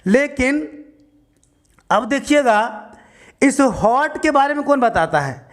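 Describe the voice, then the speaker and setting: A man's voice: very high-pitched, animated, takes it slowly. A man teaching English grammar, patiently explaining and asking questions that he answers himself. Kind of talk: classroom grammar lesson.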